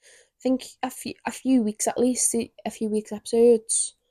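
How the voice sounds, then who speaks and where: A woman's voice: a little high, level tone, unhurried, mellow, no echo. A young woman hosting a spooky stories podcast, chatting casually and reading stories aloud with giggly asides. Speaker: podcast host.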